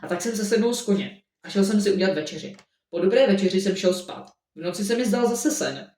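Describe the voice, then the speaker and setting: A man narrating his own story in the first person in a halting amateur reading with frequent restarts. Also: high voice, a little mellow. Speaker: audiobook narrator. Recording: roomy echo, mic at a distance.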